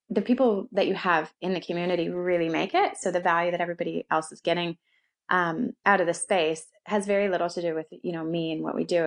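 Her voice is lowish and creaky as this co-working space founder from Canada talks about her life in a relaxed interview, with a Canadian accent.

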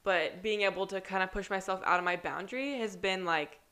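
A woman's voice: medium pitch, a little fast, sharp tone. Hesitant woman chatting on a podcast. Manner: hesitant, lots of fillers. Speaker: podcast guest. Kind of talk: casual podcast chat.

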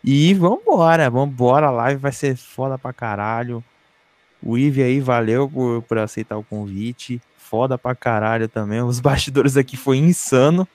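A man's voice: mid-range voice, measured pace, darkish tone, dry recording. A Brazilian man co-hosting a live podcast with informal banter, slangy and swearing freely. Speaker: podcast live stream co-host.

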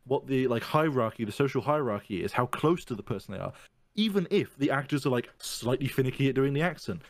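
A man's voice: mid-range voice, animated, fast, no echo. A man hosting a casual discussion, earnest and thinking aloud, often checking in with "right?".

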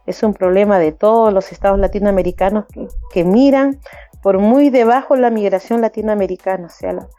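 A woman around fifty speaks with fiery conviction as an interview guest. Her voice is mellow and warm. It is recorded dry and close, with faint music underneath. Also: mid-range voice, a little fast, dry recording. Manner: passionate, acts out others' voices with laughter. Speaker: migrant community organizer, guest. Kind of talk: animated interview talk.

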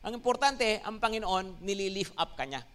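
A Filipino man preaching from the pulpit in a fairly high voice. He swings between Tagalog and English, pushing key words up and out with bursts of emphasis. He keeps checking in with his listeners as he goes. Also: animated, normal speed, fairly bright tone, clear, resonant tone. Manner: mixes Tagalog and English, frequent "no?" and "Amen?" check-ins. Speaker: pastor. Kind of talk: sermon.

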